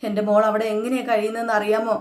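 A woman's voice: a little high, monotone, racing, lightly acted. A woman voicing a grieving middle-aged mother who pleads tearfully about her daughter. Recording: echoey room.

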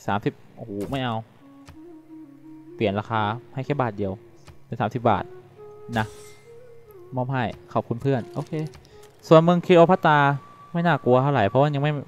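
A man hosting a let's-play, talking quickly and casually as he thinks aloud and reads out game text. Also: mid-range voice, highs cut off. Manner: translates game text on the fly. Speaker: gaming channel host.

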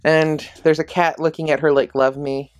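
A woman's voice: deep voice, flat delivery, normal speed, a little mellow. A woman vlogging casually to a handheld camera, chatty and rambling, often poking fun at herself. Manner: chatty, rambling, self-deprecating. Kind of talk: casual diary vlog to camera.

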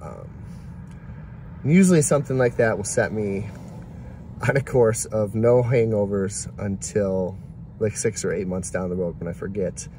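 A delivery driver in his forties vlogs from inside his car, speaking candidly and rambling reflectively into a phone camera held at arm's length. His voice is fairly low, a little slow, and mellow, with a little hiss or hum in the recording.

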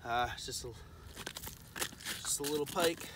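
Man, ice fishing vlogger, slightly high voice, slow unhurried talk, outdoor noise behind, casual narration. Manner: excited bursts when catching fish. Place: outdoors on a frozen river. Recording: noisy outdoor recording.

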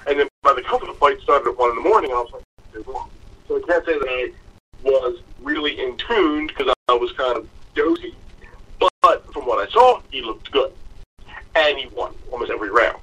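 A man's voice: mid-range voice, animated, normal speed, a bit bright, husky, distant mic, muffled recording. A man co-hosting a fight podcast, telling a long self-mocking story in casual chat. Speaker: podcast co-host.

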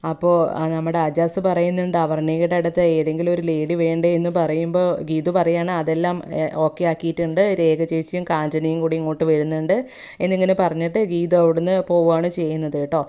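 A woman's voice: low voice, fast talker, clean tone. A woman, hosting a review and retelling a TV serial episode, quoting dialogue as she goes. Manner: steady retelling with frequent quoted dialogue and tag phrases. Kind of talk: fast scripted-style recap narration.

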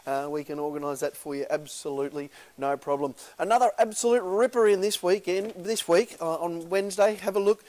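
A man's voice: high-pitched, a little fast, hardly any pauses, darkish tone. A man in his thirties with an Australian accent, an auctioneer giving a casual, upbeat sales walkthrough of a large indoor warehouse, with lots of filler "uh"s.

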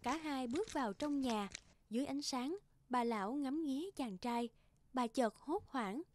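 A woman narrating a fairy-tale cartoon in a gentle, even storytelling delivery. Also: high-pitched, moderate pace, a little hiss or hum. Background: loud background music.

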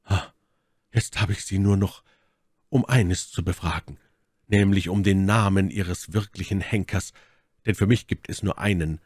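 A man doing a hushed young puritan officer. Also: sits low, unhurried, slightly rough, no echo, studio quality. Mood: earnest. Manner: hushed, stammering.

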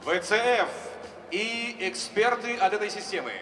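A man's voice: high-pitched, a little slow, bright, forceful tone. A middle-aged man hosting a ceremony, making formal stage announcements in short phrases into a handheld microphone. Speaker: ceremony host. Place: large exhibition hall stage. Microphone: handheld microphone through PA. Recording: echoey hall PA from far off, music behind. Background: music.

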